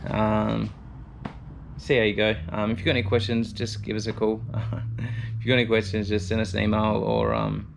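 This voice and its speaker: A man speaks in a lowish, gravelly voice, with some faint noise around him. He is laid-back and colloquial, talking to viewers like a casual DIY vlogger. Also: level tone, normal speed. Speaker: vlogger presenting a DIY video. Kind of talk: casual vlog chat.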